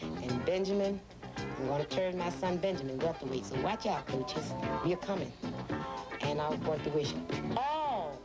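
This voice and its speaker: A middle-aged woman gives an informal interview in a low-pitched voice. Her talk is plain-spoken and colloquial, with music playing clearly behind her. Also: expressive, measured pace, pauses often. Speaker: boxer's mother being interviewed.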